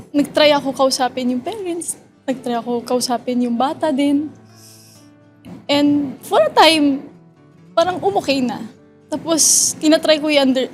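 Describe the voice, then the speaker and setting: A woman with a Filipino accent, a mother recounting her child's ordeal in an interview, soft-spoken and often dropping quiet. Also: high-pitched. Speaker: guest, mother. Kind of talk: emotional interview account.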